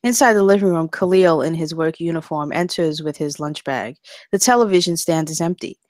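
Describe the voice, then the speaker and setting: Reading stage directions at a table read, this low-voiced woman narrates the screenplay's action lines a touch quickly and with a slightly mellow quality. There's next to no room sound; the audio is dry.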